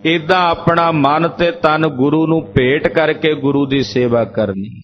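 A man's voice: on the high side, a little slow. A man preaching a Sikh sermon, explaining each sung verse by repeating its meaning in several phrasings. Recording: lo-fi dull recording.

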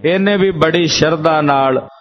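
A man's voice: fairly high pitch, measured pace. A man preaching a Sikh sermon, explaining each sung verse by repeating its meaning in several phrasings. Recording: lo-fi dull recording.

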